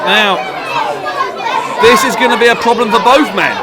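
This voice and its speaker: A man doing excited wrestling colour commentary, full of urgent rhetorical questions and repeated exclamations. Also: very high voice, normal speed. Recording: loud crowd and venue noise. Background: loud live crowd.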